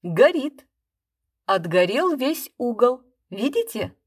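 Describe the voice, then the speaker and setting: A woman's voice: fairly high pitch, sing-song, slow, husky, heavily acted. A woman voicing a nervous, shabby male stage magician with a trembling, apologetic patter. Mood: showman patter.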